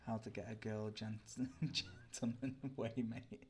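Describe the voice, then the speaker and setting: A man's voice: on the low side, little pitch movement, unhurried, warm tone, slight background noise. A young British man chatting casually while gaming live, rambling and answering viewer chat. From Britain. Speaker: livestreamer.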